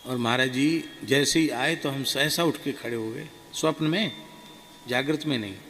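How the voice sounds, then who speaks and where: A man with a gravelly, mid-range voice recounts a spiritual experience slowly and earnestly. He sounds like he is in a large hall with a long reverb and a faint ambient hum behind him. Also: medium pitch, a bit bright. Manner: slow, earnest and subdued. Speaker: monk telling a spiritual experience. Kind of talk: devotional storytelling.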